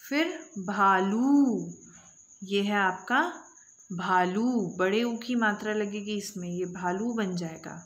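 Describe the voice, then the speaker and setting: A woman teacher reading out a lesson for young children, pronouncing each word slowly and repeating it with emphasis. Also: medium pitch, a bit bright, rough recording. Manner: slow, drawn-out word-by-word pronunciation.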